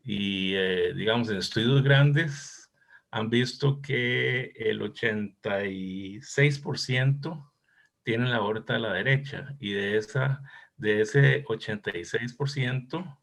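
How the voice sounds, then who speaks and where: A man's voice: fairly low pitch, slow, creaky, a bit bright. A man, a cardiologist thoughtfully discussing a case in an academic session and reminiscing with some hesitation. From Costa Rica.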